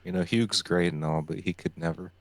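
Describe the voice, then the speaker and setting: A man's voice: deep voice, fairly even intonation, fairly quick, no echo. A man in casual gaming chat, bantering with dry jokes.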